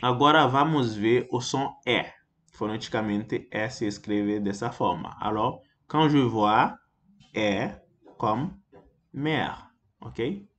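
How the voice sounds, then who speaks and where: A man's voice: medium pitch, slow pace, fairly bright tone. A man teaching a basic French pronunciation lesson, repeating example words and checking in with frequent "ok?". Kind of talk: explanatory language lesson.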